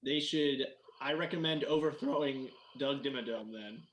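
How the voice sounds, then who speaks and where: A man playing a tabletop role-playing game, stating his moves in a dry, matter-of-fact way with deadpan jokes. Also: mid-range voice, moderate pace, poor audio. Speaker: player. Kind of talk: casual in-character play.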